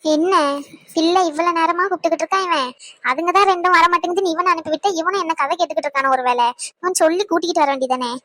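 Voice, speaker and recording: Cartoon mother, voiced by a woman, caring, fussy, high pitched, dry close mic. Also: rapid-fire, pushed and bright, dry recording. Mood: grumbling. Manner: fussing, consoling. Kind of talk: cartoon voice acting.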